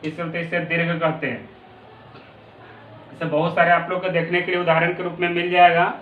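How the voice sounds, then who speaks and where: A man's voice: a little high, little pitch movement, moderate pace, slight background noise. A male teacher with a Bihari Hindi accent explaining a lesson, repeating definitions and drawing out sounds. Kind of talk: classroom lesson. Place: classroom. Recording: echoey room, distant tinny phone-like mic.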